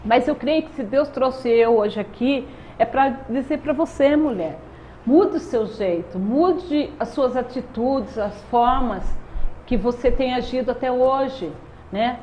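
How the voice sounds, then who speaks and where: A woman's voice: a little high, slow, dark tone. A woman in her thirties with a Brazilian accent, giving an earnest faith testimony as an interview guest and often adding "né?". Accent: Brazilian Portuguese. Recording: dull lo-fi sound with faint noise.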